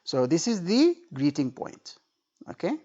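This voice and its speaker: A creaky-voiced tutor lectures informally for an exam, role-playing example phrases and repeating himself while often asking "okay?" and "right?" His fairly high voice is mellow and sing-song, and he speaks a little slowly. It's a dull, lo-fi recording.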